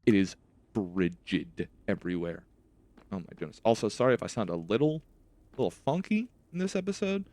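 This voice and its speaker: Low-voiced man with a slight retainer lisp. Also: animated, normal speed, darkish tone, no room sound. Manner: chatty, rambling, self-talk while playing. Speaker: host of a gaming series. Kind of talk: casual let's-play commentary.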